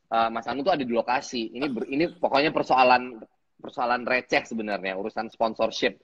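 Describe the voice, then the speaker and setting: A man, a guest actor on a casual live stream, telling stories in a joking, lively way. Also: medium pitch, fairly quick, slightly rough. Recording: dull lo-fi livestream audio.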